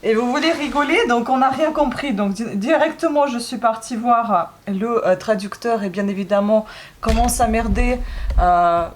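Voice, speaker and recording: A woman's voice: a little high, moderate pace, a little hiss or hum. A woman vlogging casually while building a craft, joking and grumbling with lots of asides. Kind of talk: casual chat vlog.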